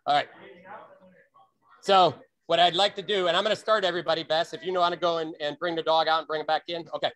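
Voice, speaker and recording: Bright-voiced man coaching on a video call. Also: on the high side, fairly even intonation, fast talker. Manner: demonstrates with sharp shouted breaths. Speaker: fight practice coach.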